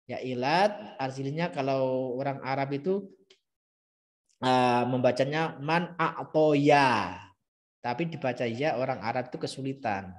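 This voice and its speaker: A middle-aged man teaching Quran recitation in a live-streamed lesson, patiently explaining rules and modeling the verses in slow, drawn-out chanting. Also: medium pitch. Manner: explains patiently, repeating key terms.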